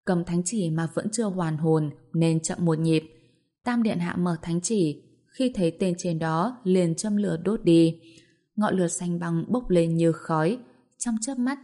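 A woman narrating a fantasy novel aloud in an even, storytelling manner. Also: on the low side. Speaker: audiobook narrator.

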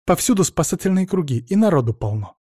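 A man's voice: very animated, quick pace, breathy edge, no room sound, studio quality, exaggerated voice. A man voicing a bossy young woman friend who screeches and snaps at people. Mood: shrill scolding. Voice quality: shrill, screeching. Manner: snapping, yelling.

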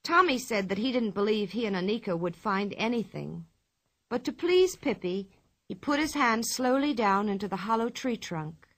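A woman reading a children's storybook aloud in a clear, expressive, measured way. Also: mid-range voice. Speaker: narrator.

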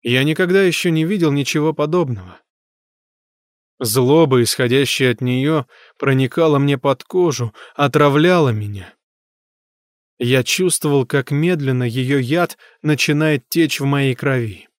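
A man's voice: medium pitch, a little slow, no room sound, studio quality. A man narrating a novel in a tense, grave manner. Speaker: audiobook narrator. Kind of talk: scripted narration of a horror novel.

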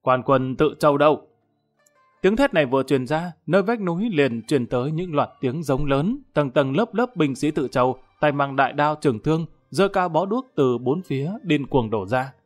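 A man's voice: fairly high pitch, animated, moderate pace, few pauses, faint music behind. A man reading a dramatic story as an audiobook narrator.

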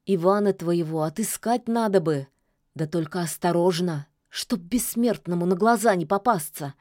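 A woman's voice: fairly low pitch, normal speed, darkish tone, dry recording, studio quality, close to an everyday voice. A woman voicing a grumbling old forest witch. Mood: muttering. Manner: muttering, scolding, folksy. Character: grumbling old forest witch, sharp-tongued but kindly.

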